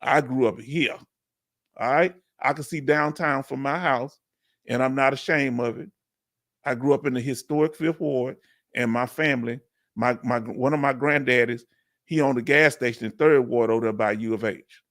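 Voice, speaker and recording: Medium in pitch and fairly bright, this middle-aged man talks at a moderate pace. He has a Houston, Texas accent and runs a laid-back live Q&A stream, chatting easily and laughing often.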